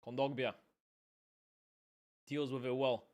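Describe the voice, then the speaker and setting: A man's voice: medium pitch, flat delivery, takes it slowly, darkish tone. A young man hosting a football watchalong stream, chatting loosely with his chat, saying "bro" a lot and laughing often between calls of the play. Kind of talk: casual live-stream chat and match commentary.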